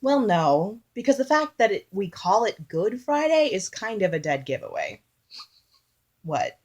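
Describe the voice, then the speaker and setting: A woman reads dated entries from a joke diary for a live comedy spot. Her mid-range voice is chatty and quick to giggle. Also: medium pitch, big pitch swings, a little mellow. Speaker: comedy performer. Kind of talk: comic reading from a joke diary.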